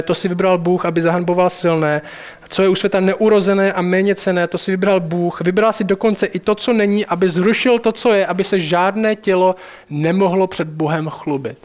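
A man with a notably high voice preaches a sermon. He speaks straight to his listeners with urgency, slowing down to drive home key phrases. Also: darkish tone.

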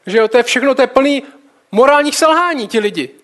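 High-voiced man preaching. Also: expressive, a bit bright. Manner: reads scripture, then comments casually. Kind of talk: sermon with Bible reading.

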